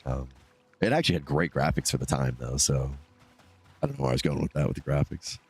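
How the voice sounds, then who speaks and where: Over soft background music, a male streamer with a cold-blocked nose chats with viewers as he games, rambling across topics and answering chat. He talks fast with lively intonation in an extremely low, darkish, husky voice.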